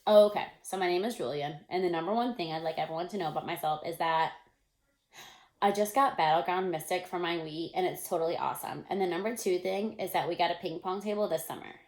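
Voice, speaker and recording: Showy schoolboy, eager, loud-ish, lowish pitch, woman reading aloud. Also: quick pace, reverberant, lightly acted. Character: boastful fifth-grade boy.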